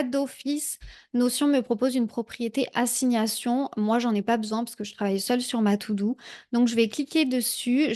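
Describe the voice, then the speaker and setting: A woman talking a viewer through a software tutorial in a casual, chatty way, with frequent fillers. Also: a little high. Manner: chatty, many "heu" fillers, speaks directly to viewer. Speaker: productivity tutorial creator. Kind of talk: casual screen-share tutorial.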